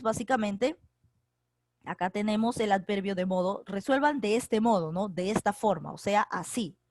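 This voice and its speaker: A woman's voice: mid-range voice, darkish tone, dry recording. Woman teacher on a video class, keeps asking "¿no?", dry mic. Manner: explains step by step, checks in with students and keeps asking "¿no?". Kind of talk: online grammar class. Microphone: computer mic on a video call.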